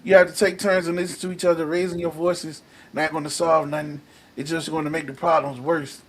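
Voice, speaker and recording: A man with a slightly high voice runs a casual call-in discussion, scrolling through viewer comments as he goes. His delivery is loose and excitable, jumping up in volume when he drives a point home. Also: fairly quick, slight background noise. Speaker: podcast host reading live comments. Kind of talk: casual chat.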